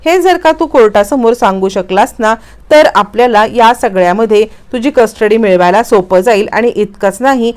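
A woman reading a calm, caring father. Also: a little high, moderate pace, clear, resonant tone, close to an everyday voice. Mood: gentle. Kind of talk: read-out dialogue in a story recap.

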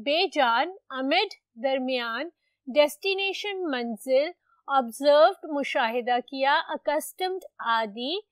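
A woman teaching an English lesson. She speaks slowly and deliberately, repeating and stressing words, and moves between Urdu and English explanations. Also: high voice, fairly bright tone, no room sound. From Pakistan. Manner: deliberately slow, repeats and stresses each word. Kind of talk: recorded classroom lecture.

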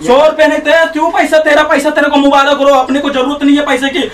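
A man from Bihar working in a small salon, arguing forcefully and bossily, repeating his demands for respect. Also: very high voice, completely flat delivery, quick pace. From Bihar, India. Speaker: salon barber. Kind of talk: heated argument in a prank video. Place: small salon shop indoors. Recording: echoey room, voice from far off.

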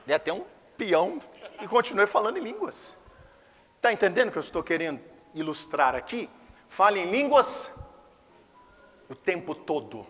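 Man, Brazilian Portuguese accent, pastor, fervent sermon, high voice, long church-hall echo. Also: very animated, moderate pace, long pauses. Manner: impassioned, swings from hushed to exclaiming. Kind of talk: Pentecostal sermon. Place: church service.

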